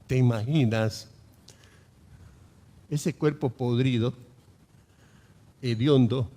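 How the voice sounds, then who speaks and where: A man's voice: medium pitch, dark tone, big-room sound. A male pastor preaching a sermon, emphatic and full of rhetorical questions.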